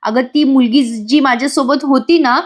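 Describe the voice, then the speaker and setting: A woman's voice: sits high, normal speed, pitched above the performer's own voice. Woman voicing a defensive young husband. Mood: pleading. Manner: pleading, defensive. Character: evasive young husband, pleading excuses.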